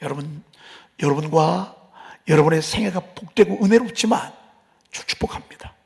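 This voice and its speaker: A man preaching an early-morning sermon in a church, impassioned, moving between loud cries and hushed whispers. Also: a little high, moderate pace, creaky. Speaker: pastor. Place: church sanctuary.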